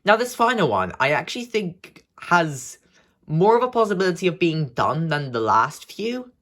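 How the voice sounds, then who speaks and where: A man's voice: fairly high pitch, big pitch swings, moderate pace, a bit bright. A young man with the hiccups, rambling through casual vlog commentary with many restarts and fillers. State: has the hiccups. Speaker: video creator.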